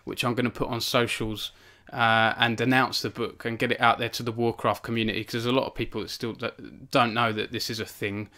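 His medium-pitched voice stays level and has a sharp edge as he talks briskly with few pauses. He is a young author hosting a relaxed launch stream for his book from his home cabin, wandering through filler words and self-deprecating remarks.

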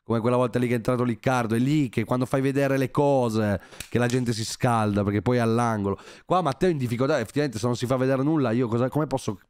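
Sarcastic man streaming commentary, crisp voice. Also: medium pitch, fairly even intonation, quick pace, few pauses, a little mellow. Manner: sarcastic, joking, crude. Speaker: streamer reacting to a podcast.

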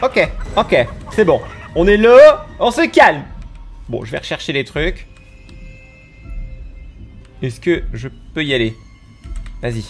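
A high-pitched man doing gaming commentary, his voice swooping all over as he yelps and teases the monster. He speaks at an unhurried pace, with faint music playing behind him. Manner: excitable, yelps and shouts when scared; teasing, talks to the monster. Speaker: gaming YouTuber. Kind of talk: let's play commentary.

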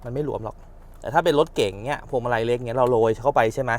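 A man's voice: medium pitch, steady tone, racing, a little mellow. Casting: male mechanic host, casual chatty how-to demo, effort grunts mid-task. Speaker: car mechanic and channel host.

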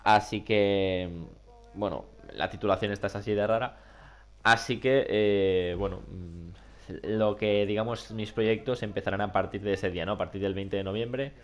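A man's voice: fairly low pitch, fairly even intonation, normal speed. A young man with a Spain Spanish accent and a nasal, duck-like voice congested by a cold, chatting casually and colloquially as a gaming YouTuber. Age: young adult. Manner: rambling, colloquial. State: sick with a cold. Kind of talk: casual chat over gameplay. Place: small room at home.

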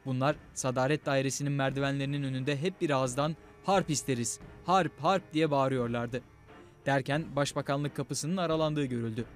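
A man's voice: medium pitch, close to an everyday voice. A man reading period quotes for a documentary, acting out a proud, confident Ottoman commander.

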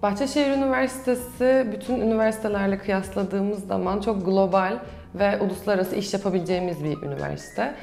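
A young adult woman, a student, answers questions in a promotional interview in a medium-pitched, fairly quick, gravelly and slightly mellow voice. Music plays behind her, and the recording has a roomy echo.

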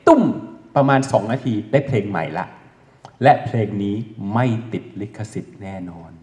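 A man giving a lively, joking lecture on AI at a training course, often asking the audience questions and dropping blunt slang. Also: fairly low pitch, moderate pace. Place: lecture hall. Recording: echoey hall recording.

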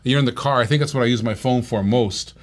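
A man hosting a talk show, pitching gadgets as an animated salesman who keeps repeating phrases and prices. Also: fast. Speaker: host.

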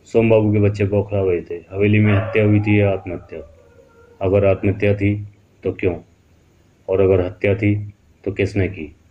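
A man narrating a scripted horror story in a slow, dramatic storytelling way. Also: on the low side, level tone, lo-fi sound, slight background noise.

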